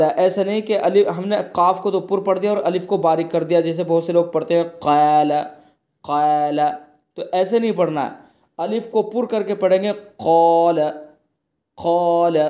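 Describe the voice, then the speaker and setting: A man teaching an online recitation lesson goes over each rule patiently and repeats it. His voice sits a little high, and its tone is mellow and dark. He slows right down to chant each example word. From India.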